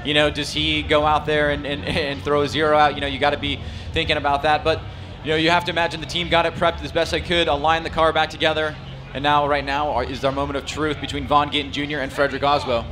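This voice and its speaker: A man's voice: on the high side, flat delivery, fast talker, pushed and bright, a little hiss or hum. A man giving live motorsport analysis as a color commentator, explaining replays in a conversational way.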